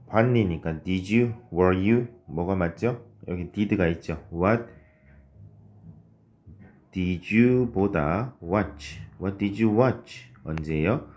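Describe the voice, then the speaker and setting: A man teaching English grammar in a recorded online lesson, explaining patiently step by step, asking questions and answering them himself, and reading English sentences out slowly. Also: low-pitched, darkish tone, a little hiss or hum.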